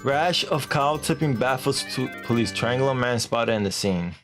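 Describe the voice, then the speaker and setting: Animated streamer man with lively pitch. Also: normal speed, music in the background. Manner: animated, laughing, casually swearing. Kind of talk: casual live-stream chat.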